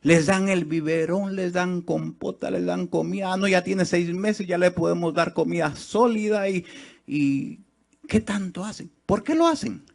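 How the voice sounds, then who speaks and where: A man preaching a sermon to a congregation. He swings between loud, high, quick exhortation and slow, quiet confiding, and he often turns to the people with rhetorical questions. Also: gravelly. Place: church.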